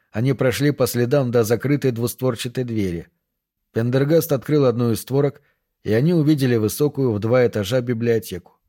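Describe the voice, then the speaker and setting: A man reading a thriller audiobook in a measured, even storytelling manner. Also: mid-range voice. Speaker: audiobook narrator. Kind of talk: scripted narration.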